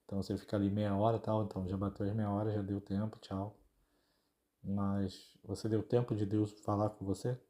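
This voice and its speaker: A man with a Brazilian Portuguese accent gives a relaxed devotional talk on his podcast. His voice sits fairly low and sounds deeply mellow and dark. He keeps it informal and conversational, speaking right to his listeners. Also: a little fast. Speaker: podcast host.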